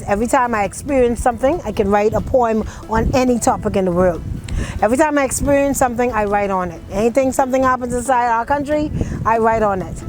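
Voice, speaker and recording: Higher-pitched Bahamian woman poet. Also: rough recording. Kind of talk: reciting dialect poetry and talking about her writing.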